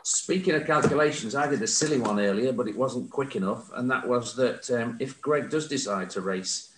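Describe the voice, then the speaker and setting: A man's voice: mid-range voice, moderate pace, fairly bright tone, reverberant, a little hiss or hum, rough recording. A man chatting casually on a video call, with dry humor. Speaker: panel member. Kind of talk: casual chat.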